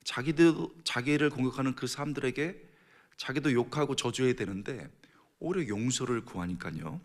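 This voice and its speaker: A middle-aged male pastor delivers a sermon in a church at a mid-range pitch. He drops to near whispers, then builds to raised, emphatic preaching. His delivery stays earnest and deliberate throughout. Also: expressive.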